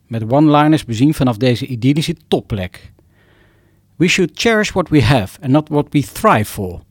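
A man's voice: medium pitch, no echo. Brief: middle-aged male narrator, wry and self-mocking, clipped sentences, dry close-miked read. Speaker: rehabilitation doctor narrating his own story. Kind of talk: scripted personal narration.

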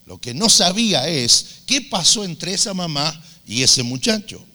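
A man's voice: a little high, measured pace. A man preaching a sermon, telling stories with humor and acting out the voices of the people in them. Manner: animated storytelling, acts out voices with humor.

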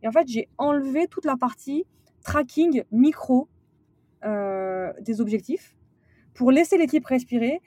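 A woman's voice: sits high, animated, measured pace, warm tone, dry recording. A woman talking as a podcast guest about management, speaking casually with many fillers and restarts. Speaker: guest, sales director turned manager. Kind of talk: casual interview conversation.

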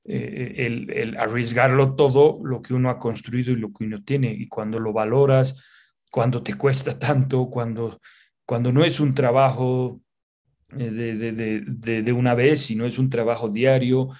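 A man's voice: mid-range voice, steady tone, a little slow, a little mellow. A man hosting a casual conversation, speaking in a thoughtful, reflective way. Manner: thoughtful, reflective, with many restarts.

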